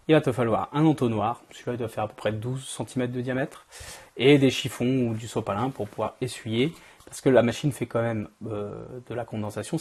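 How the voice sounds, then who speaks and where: Hoarse man, voice strained and giving out. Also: medium pitch, darkish tone. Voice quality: strained, worn-out voice giving out from a cold. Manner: informal, addresses the viewer directly. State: hoarse from a cold and overuse. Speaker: host of an event-equipment channel. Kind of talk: product review to camera.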